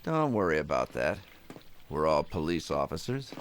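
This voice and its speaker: A man's voice: a bass voice, big pitch swings, moderate pace. A man voicing a confident, blunt homicide lieutenant in an anime dub, assured and matter-of-fact. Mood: self-assured.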